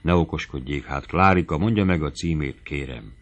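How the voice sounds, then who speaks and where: A man voicing a smooth-talking young gentleman who pleads with a girl in a soft, coaxing voice. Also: rumbling low, lively intonation, dull audio, heavily acted.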